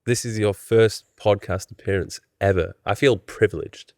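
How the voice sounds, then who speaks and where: A man's voice: on the low side, fairly even intonation, normal speed, a little mellow, no echo, studio quality. A man hosting a podcast in casual interview chat, teasing and jokey, often laughing. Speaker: podcast host.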